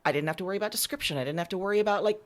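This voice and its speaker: Speaking very fast at a medium pitch over crowd noise, a woman who writes and creates audio drama answers interview questions candidly and informally, with the occasional swear word.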